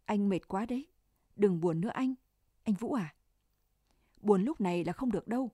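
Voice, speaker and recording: A woman's voice: medium pitch, lively intonation, normal speed, warm tone, no room sound, clean studio sound, close to an everyday voice. Woman reading a caring young soldier.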